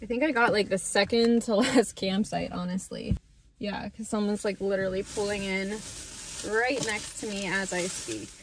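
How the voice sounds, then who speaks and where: In a low-quality recording, a twenty-something travel vlogger sits in her car on a road trip, casually chatting into a handheld camera mounted on the dashboard. Her mid-range voice keeps a fairly even intonation at a normal speed.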